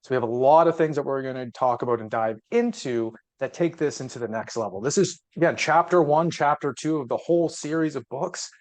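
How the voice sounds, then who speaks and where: Steady mid-pitched male webinar host. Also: fairly quick, few pauses. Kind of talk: casual explanatory webinar talk.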